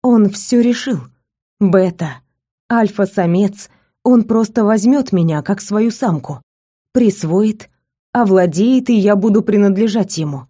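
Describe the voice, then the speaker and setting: A woman reading a first-person romance story aloud with measured, intimate storytelling. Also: mid-range voice, dark tone, slightly rough. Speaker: narrator.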